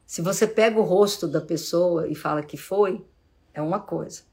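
A middle-aged woman with a Brazilian accent, a psychologist answering audience questions in a casual live Q&A, calm and explanatory, acting out short examples of how to speak. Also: fairly low pitch, moderate pace.

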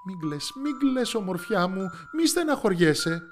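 A fearless young princess in rags gives firm, commanding lines in a fairy tale, played by a man in a slightly raised voice. Soft music lies faint underneath. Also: on the high side, natural voice. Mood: soothing.

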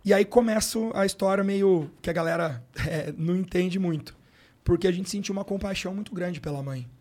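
A man's voice: high-pitched, fairly quick, darkish tone. A middle-aged man with a Brazilian Portuguese accent telling an emotional personal story in casual slangy chat as a podcast guest. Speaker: sports coach, podcast guest.

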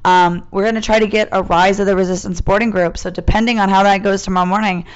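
A woman's voice: medium pitch, steady tone, fast talker, dull audio. A young woman co-hosting a casual chat, chatty and giggly, her voice a bit worn out. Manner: chatty, giggly, loose swearing. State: voice partly worn out. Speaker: podcast co-host.

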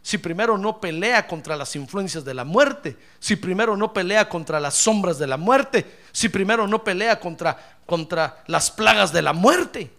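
A pastor delivers an animated sermon, his high, bright voice swinging widely between peaks and low asides. He addresses the congregation as brother, jokes with them, and mimics their complaints. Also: measured pace, vocal fry, hardly any pauses. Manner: animated preaching, calls listeners brother, acts out complaints.

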